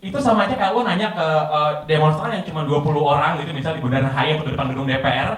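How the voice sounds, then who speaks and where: A man's voice: fairly high pitch, racing, a bit bright. A man doing stand-up comedy, firing rhetorical questions at the audience. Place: live event hall with audience. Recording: very echoey hall, distant mic, audience.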